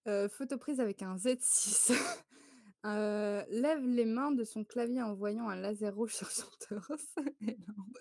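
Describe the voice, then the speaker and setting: A woman's voice: mid-range voice, takes it slowly, darkish tone, no room sound, clean studio sound. A woman from France hosting a photo quiz on a live stream, chatty and laughing often as she greets viewers.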